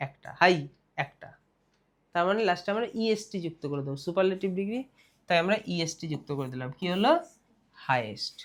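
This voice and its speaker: A young man with a West Bengal Bengali accent teaches an exam-focused grammar lesson in a high, fairly bright voice. He keeps posing questions and answering them himself, stretching out the key words.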